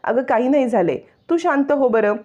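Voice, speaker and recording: A woman voicing a gentle young wife who pleads with her in-laws and soothes a child. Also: sits high, expressive, moderate pace, muffled recording, pitched above the performer's own voice. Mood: soothing.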